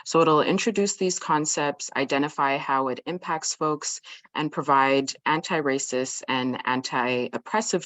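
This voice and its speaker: A woman's voice: rumbling low, no room sound. A woman opening an online workshop as moderator, reading a formal introduction with fillers and restarts. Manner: hesitant, many fillers and restarts. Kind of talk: formal event opening on a video call. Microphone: video call.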